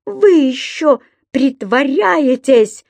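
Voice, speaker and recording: A woman voicing a stern middle-aged landlady who scolds with shrill outbursts. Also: expressive, a little slow, no echo. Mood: furious.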